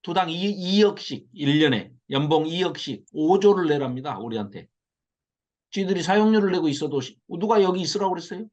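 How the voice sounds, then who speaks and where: Lively male Bible teacher, high voice, muffled lo-fi class recording. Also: a little fast. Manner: animated, mocks the invaders in acted quotes. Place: classroom with a small audience.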